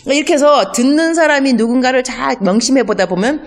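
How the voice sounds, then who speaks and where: A woman's voice: high-pitched, fast. A woman missionary giving a conversational teaching talk, acting out everyday dialogues and mixing in English words. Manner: acts out everyday dialogues in lively voices.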